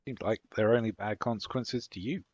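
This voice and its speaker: A man's voice: fairly low pitch, steady tone, fast, a little mellow, husky, no room sound, dull audio. A man playing a tabletop game, teasing and arguing his point in casual chat. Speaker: player.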